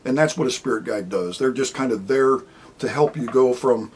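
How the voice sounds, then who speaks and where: A man's voice: medium pitch, moderate pace, slight background noise, rough recording. A man, an author, talking about his book in a casual, rambling monologue to camera and acting out the people he quotes.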